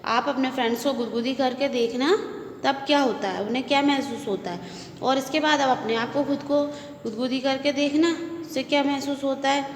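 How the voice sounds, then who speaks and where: Casting: woman school teacher, high voice, repetitive checking-in style, long echoey room. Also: steady tone, normal speed, a little hiss or hum. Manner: repetitive, checks with "okay?", mixes in English words. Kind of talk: recorded Hindi class lesson.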